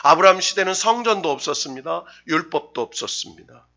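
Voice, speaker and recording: Bright-voiced male pastor preaching. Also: fairly high pitch, animated, brisk, muffled recording. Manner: preaching with rising emphasis, leading the congregation in reading. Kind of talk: sermon. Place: church sanctuary.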